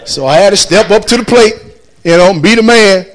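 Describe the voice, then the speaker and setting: His voice sits high and runs a little fast as this man tells a casual story, animatedly performing the voices of those he quotes and laughing along the way.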